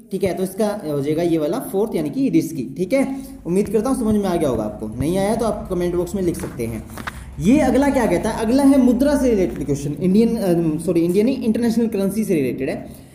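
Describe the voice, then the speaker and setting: A man's voice: high-pitched, lively intonation, quick pace, dark tone. A man teaching reasoning for exams at a whiteboard. He works through each step and keeps checking that the viewer is following. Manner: step-by-step explaining, keeps checking with "theek hai". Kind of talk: whiteboard exam-prep lesson. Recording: echoey room with faint noise.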